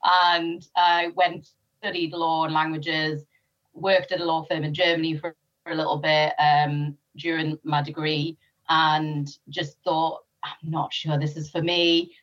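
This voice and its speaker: Speaking in a low, slightly bright voice, this Sri Lankan-born woman with a North East English accent delivers her words flatly and a little slowly. She's an ex-police officer guesting on a casual podcast, full of ums and relaxed laughs, recorded with dull audio.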